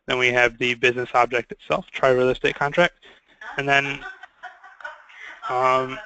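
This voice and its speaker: Flat-voiced man teaching software. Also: medium pitch, no echo, low-quality recording. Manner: casual, with many fillers. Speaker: software trainer. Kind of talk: screen-share software training.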